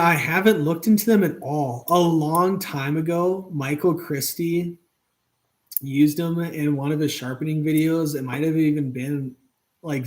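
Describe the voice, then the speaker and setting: Rambling casual man on a live stream. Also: a little high. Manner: loose and rambling, lots of fillers and restarts. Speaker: channel host.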